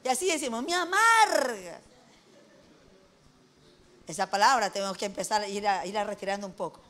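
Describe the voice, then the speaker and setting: A woman's voice: medium pitch, rapid-fire. A middle-aged woman with an Ecuadorian accent preaching a conversational sermon, folksy, asking her listeners questions and joking lightly. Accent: Ecuadorian Spanish.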